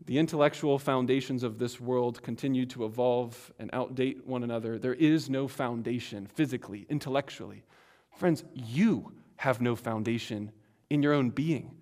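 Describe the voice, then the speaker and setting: A man preaching a sermon as pastor, earnest and emphatic, swinging between loud passages and hushed ones. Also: mid-range voice, moderate pace.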